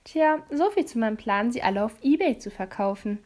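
A sarcastic fifteen-year-old girl, voiced by a woman reading a storybook. Her lines sit higher than the narration and land with quick, pointed wit. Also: expressive, a little mellow, close to an everyday voice.

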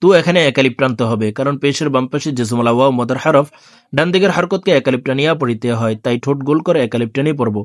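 A man teaching Quran reading who spells out each letter and vowel, then draws the joined word out slowly, with quick spoken explanations of the rules in between. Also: medium pitch, no echo, studio quality. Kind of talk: slow spelled-out recitation lesson.

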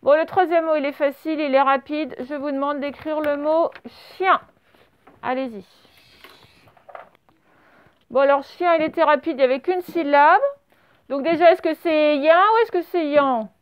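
A woman with a high voice leads a dictation lesson for young pupils. She says each word slowly and clearly, then spells it out syllable by syllable. The recording sounds slightly dull and lo-fi. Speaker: primary school teacher.

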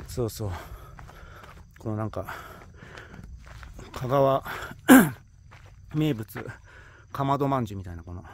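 A man's voice: mid-range voice, vocal fry, slight background noise. A man with a Kansai accent narrating his own hike in a casual travel vlog, chatty and full of exclamations as he talks to himself, filmed outdoors on a handheld phone. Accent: Kansai Japanese. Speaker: travel vlogger. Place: outdoors on a rocky hillside. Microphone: handheld smartphone.

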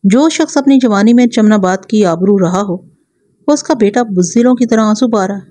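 A woman voicing a shrewd male police inspector who questions in a steady, commanding way. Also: mid-range voice, lightly acted. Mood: stern.

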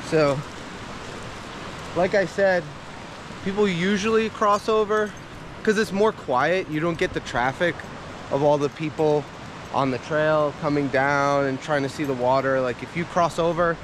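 A man's voice: a little high, fairly even intonation, noisy background. A man vlogging a hike with his dog, chatting casually and cheering the dog on, recorded outdoors by a creek. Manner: chatty, laid-back, talks to his dog. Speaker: hiking vlogger. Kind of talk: casual outdoor vlog narration. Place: outdoors by a rushing creek in pine woods. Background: rushing creek water.

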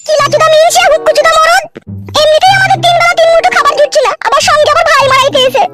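A woman voicing a bitter, quarrelsome village aunt in a comedy cartoon, screeching and scolding without pause. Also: extremely high pitch, fairly even intonation, fairly bright tone, faint music behind, pitched above the performer's own voice. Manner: screeching, scolding rapid-fire.

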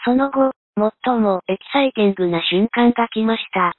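A woman's voice: a little high, normal speed, dry recording, phone-quality sound. A woman reading scripted narration for a travel vlog. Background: loud music.

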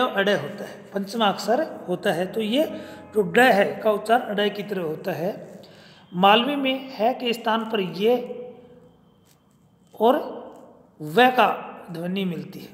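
Male lecturer, high voice, deliberate, repeats examples; roomy reverb. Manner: slow, deliberate, repeats each example word. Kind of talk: academic lecture. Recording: echoey room, long reverb.

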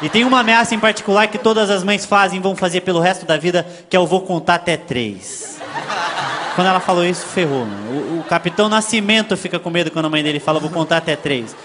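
A man with a Brazilian accent performing a stand-up routine, telling stories in an animated way and imitating voices. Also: sits high, very fast, few pauses. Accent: Brazilian Portuguese. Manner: animated storytelling, frequent voice imitations. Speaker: stand-up comedian. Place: comedy stage before a live audience. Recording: live show, crowd laughter and noise.

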